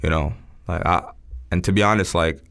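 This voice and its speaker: A man's voice: low voice, steady tone, fairly quick, fairly bright tone, clean tone. A man, a chef as a guest, telling stories in a loose, laid-back way full of fillers. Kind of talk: casual chat.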